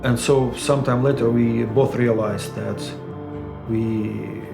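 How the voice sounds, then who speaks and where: A man's voice: mid-range voice, fairly even intonation, slow, creaky. Man in his fifties, roomy echo. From Ukraine. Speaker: missionary. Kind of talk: personal testimony interview. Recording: roomy echo with music underneath.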